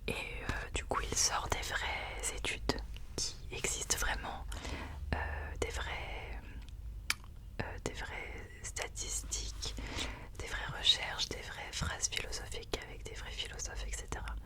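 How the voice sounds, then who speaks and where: Hushed library whisper, ASMR book reader. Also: slow. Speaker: ASMR host. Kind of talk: whispered ASMR book recommendations and reading aloud.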